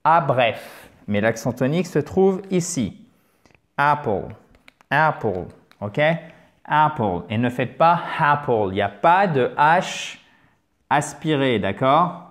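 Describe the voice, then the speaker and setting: A middle-aged man teaching English in French in a whiteboard video lesson, lively and slowly repeating each phrase. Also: mid-range voice.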